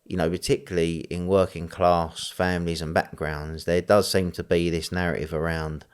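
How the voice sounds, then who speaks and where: A man's voice: sits low, flat delivery, moderate pace, clean tone. A man from the East End of London with an East London accent, talking in a rambling, conversational way as an interview guest, with many fillers. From East End of London, England. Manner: rambling, frequent fillers, laughs easily.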